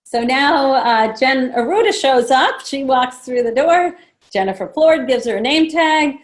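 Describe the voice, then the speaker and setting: A woman running a sales training session, casual and chatty, acting out guest conversations in a livelier voice. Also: a little slow. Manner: acts out guest chats in a lively higher voice; casual, chatty, many fillers. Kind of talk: training talk to a small group.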